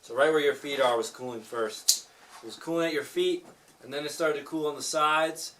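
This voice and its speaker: A man's voice: fairly high pitch, moderate pace, a bit bright. Echoing male cave guide, distant from the mic. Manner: echoing cave guide, informal teacherly explaining; jokey asides. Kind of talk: guided tour talk, explaining and questioning the group. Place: inside a lava tube cave. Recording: echoey cave, distant mic, faint noise.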